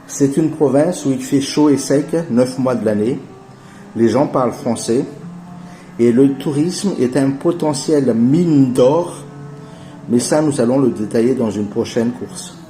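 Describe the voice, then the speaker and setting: A man in his forties narrates over footage in a warm, dark voice. He talks earnestly and persuasively, like a salesman rallying a close circle of friends, while soft music plays faintly underneath. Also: unhurried. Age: 40s. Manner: earnest persuasive sales pitch, addresses viewers as family. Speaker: channel host pitching an investment project.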